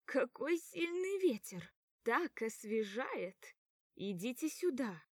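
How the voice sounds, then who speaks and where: A woman voicing a tipsy young woman who exclaims loudly and drags out her words. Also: on the high side, expressive, dry recording, studio quality, exaggerated voice. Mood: drunk, giddy. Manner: loud, drawn-out exclaiming.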